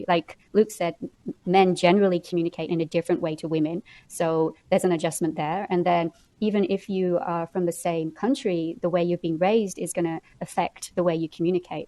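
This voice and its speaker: Lower-pitched English woman, reflective. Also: mellow, no room sound. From England. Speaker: podcast panelist. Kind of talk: casual, reflective discussion.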